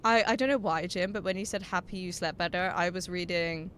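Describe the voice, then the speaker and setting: A woman's voice: fairly low pitch, a little fast, a bit bright, a little hiss or hum. A young woman streaming a game, chatting casually with viewers, laughing often, swearing and reading out their messages. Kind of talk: casual live-stream chat while gaming.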